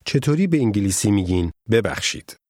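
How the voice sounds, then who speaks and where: A man narrating a scripted language lesson in a measured, formal teaching manner. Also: lowish voice, sing-song, darkish tone, no echo, clean studio sound.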